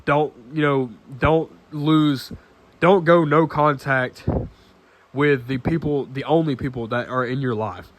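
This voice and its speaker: A nineteen-year-old man talking casually to camera in an earnest, halting way, full of restarts and fillers, often clearing his throat. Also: a little high. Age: late teens. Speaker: vlogger.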